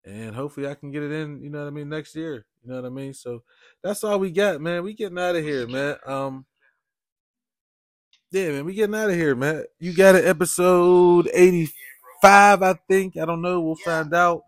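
A man's voice: fairly high pitch, normal speed, no room sound, clean studio sound. A man hosting his own podcast in a loose, rambling way, often tagging on "you know what I mean". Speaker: podcast host. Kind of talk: casual solo podcast talk.

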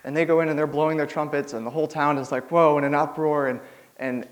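A man's voice: a little high, steady tone, fast talker, poor audio. A young man giving an informal church sermon, rambling nervously with lots of fillers and laughs.

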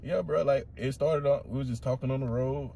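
Male podcast co-host, Florida Southern accent, quick and slangy, loose in-car chat with faint noise. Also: mid-range voice, creaky, mellow. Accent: Florida Southern American. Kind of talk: casual chat. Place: inside a car.

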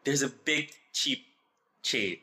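A man hosting a podcast in casual chat, jokey and quick to laugh. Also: medium pitch, animated, sharp tone. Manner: laughs often, jokey, swears.

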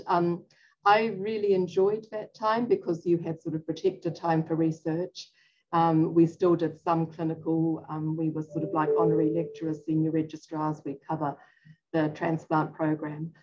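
A middle-aged woman with a New Zealand accent, a physician-scientist recounting her career in an interview, measured and full of ums. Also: low-pitched, mellow, dull audio. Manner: measured, frequent ums, self-deprecating asides.

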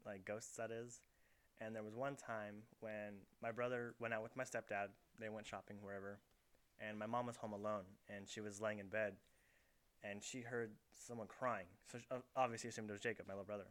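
A young man talks quickly and rambles through his stories, leaning hard on filler words. His tone is bright and forceful, and his voice sits somewhat low. He is recording a casual chat in his bedroom. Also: flat delivery. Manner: rambling storyteller, heavy on fillers. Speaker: podcast host. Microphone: camera set up in the room.

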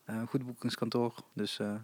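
A man's voice: mid-range voice, level tone, moderate pace, dry recording. Casual male talker, hesitant and chatty, dry close recording. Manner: chatty, frequent hesitations and laughs. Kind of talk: casual chat about live music venues.

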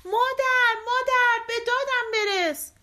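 A woman's voice: pushed and bright, heavily acted. A woman voicing a thumb-sized little boy crying out for help in a storybook. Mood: panicked. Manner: high shrill cries.

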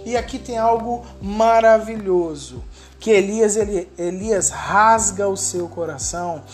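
A woman's voice: medium pitch, faint music behind. Emphatic woman preacher. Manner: emphatic, slowing to soft, hushed stretches. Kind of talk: sermon.

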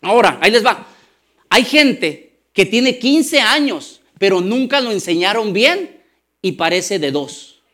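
A man with a Mexican accent, a pastor preaching a conversational sermon with slang and quick restarts. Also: high-pitched, very animated, sharp tone.

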